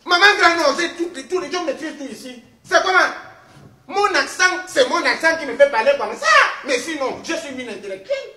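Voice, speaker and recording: A woman playing a loud, teasing comic news anchor in a mock news sketch. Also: high voice, animated, brisk. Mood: bossy. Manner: loud, teasing, swings up into exclaiming. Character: brash female TV news anchor, customs officer. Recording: echoey room.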